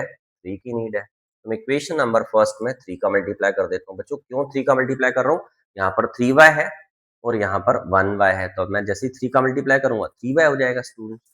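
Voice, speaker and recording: A man's voice: medium pitch, fairly bright tone, low-quality recording. A male maths teacher works through equations at a board. He keeps asking the class questions, answers them himself and checks in with the students again and again. He switches easily between Hindi and English maths terms. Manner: repeats checks like "clear students?". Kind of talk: classroom-style board lesson.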